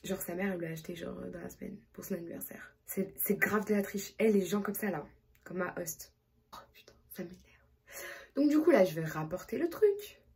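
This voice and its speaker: A woman's voice: medium pitch, animated, fast, a little mellow, breathy edge. A woman in her twenties chatting casually in a vlog, slangy and rambling. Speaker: vlogger.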